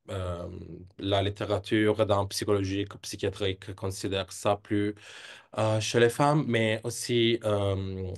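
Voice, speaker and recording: A man's voice: on the low side, clean tone. A young man with an Italian accent in his non-native French, presenting research hesitantly and searching for words. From Italy. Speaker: PhD candidate presenting research.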